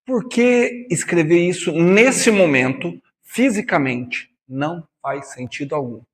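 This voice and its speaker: A man's voice: on the high side, animated, takes it slowly, in a large hall. A man teaching physics in a classroom lecture with a Brazilian Portuguese accent, chatty and teasing, calling students by nicknames.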